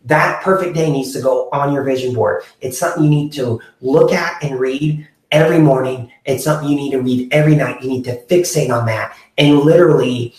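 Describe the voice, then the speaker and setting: A man's voice: medium pitch, fairly quick, few pauses, a little mellow. A man in his forties hosting a motivational podcast, talking earnestly to viewers, with many fillers and restarts. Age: 40s. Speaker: podcast host. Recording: very echoey room.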